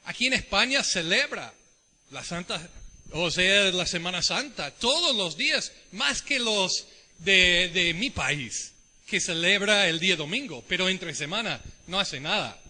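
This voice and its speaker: A middle-aged American man with an Ecuadorian Spanish tint preaches a sermon in a church. His voice sits high and rings very bright, and he keeps asking the congregation questions. A long church reverb trails after his words. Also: animated, measured pace. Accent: American with Ecuadorian Spanish mix. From United States. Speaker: visiting preacher.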